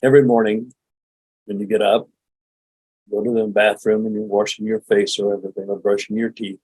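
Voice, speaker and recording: Husky older man teaching. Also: fairly low pitch, level tone, a little fast, darkish tone, dry recording, poor audio. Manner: chuckling, folksy, demonstrates laughing exercises. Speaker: meditation teacher. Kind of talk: relaxed spoken teaching.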